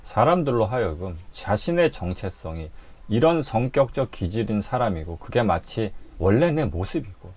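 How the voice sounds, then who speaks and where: A male lecturer with a low-pitched voice, talking through his subject in an animated storytelling way. He slips into acted bits as he explains. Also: moderate pace, slightly rough. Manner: animated storytelling, acts out scenes. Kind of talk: spoken lecture.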